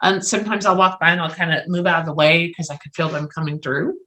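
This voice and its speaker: A middle-aged woman, a psychic medium guest, chatting casually and telling lively anecdotes. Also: on the low side, fast. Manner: lively anecdotal storyteller, acts out dialogue. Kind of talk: casual storytelling chat.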